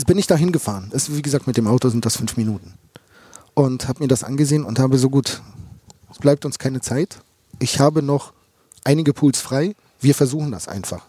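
A man's voice: medium pitch, warm tone, husky, no echo. A fish farmer talking casually in an interview, rambling and repeating words as he thinks aloud.

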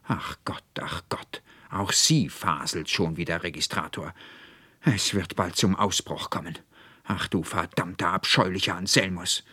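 A man's voice: low voice, fairly even intonation, moderate pace, bright, forceful tone, slightly rough, dry recording, heavily acted. A man voicing an irritable, pompous older male schoolmaster who grumbles indignantly. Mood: alarmed.

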